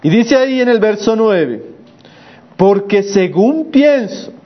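A male preacher with a notably high voice delivers an emphatic sermon. He sinks his voice low to stress a point and slows to a crawl when reading scripture. The recording is dull and lo-fi. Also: animated. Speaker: pastor. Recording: muffled lo-fi recording.

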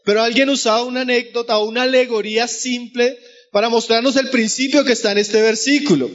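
A man's voice: very high-pitched, steady tone, fairly quick, highs cut off. A man preaching a sermon, earnestly calling his listeners brothers. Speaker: pastor.

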